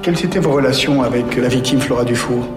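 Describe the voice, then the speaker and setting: An actor playing a stern interrogator in a crime film trailer, questioning a suspect in a formal, probing way. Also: male voice, mid-range voice, fast, lightly acted. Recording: roomy with music behind.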